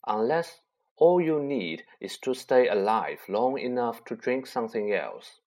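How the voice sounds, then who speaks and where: A man voicing a solemn, wise male centaur, speaking slowly in a low, measured, hushed manner for a storybook reading. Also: expressive. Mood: grave. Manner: slow, measured, hushed delivery.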